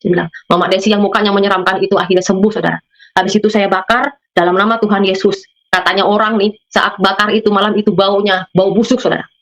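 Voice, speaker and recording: A woman's voice: medium pitch, fairly even intonation, fast, fairly bright tone. A woman from Madura giving a spoken religious testimony, telling her story to listeners and acting out the voices of the people in it. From Madura, Indonesia. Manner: storytelling, often addresses listeners directly. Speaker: testimony guest.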